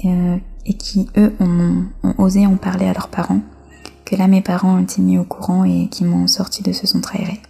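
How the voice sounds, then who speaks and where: A French woman gives personal testimony as an interview guest, her fairly low, gravelly voice full of fry and fairly even. She speaks reflectively with hesitant pauses while faint music plays.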